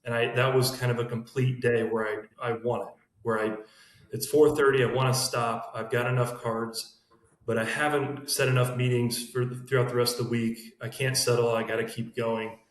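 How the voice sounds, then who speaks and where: A man talking fast in a casual team podcast chat, recorded in an emptied room with an echo. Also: mid-range voice, little pitch movement. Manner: talks fast in long run-on thoughts. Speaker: sales team member. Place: room emptied out with bare walls. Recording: echoey bare room.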